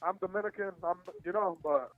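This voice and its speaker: A man's voice: high voice, a little fast. A man from Miami calling in to a boxing show, eager to add his point. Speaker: caller. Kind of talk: casual call-in chat. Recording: tinny phone line.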